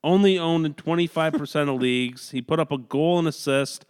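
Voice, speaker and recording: A man's voice: a little high, darkish tone, clean tone. Laughing male fantasy hockey podcaster. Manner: reads stats in a quick list, breaks into laughs. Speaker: podcast co-host. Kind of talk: casual sports chat reading stats. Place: home room.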